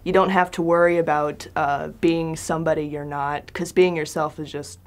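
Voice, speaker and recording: A woman's voice: low voice, little pitch movement, moderate pace. Cheerful laid-back woman.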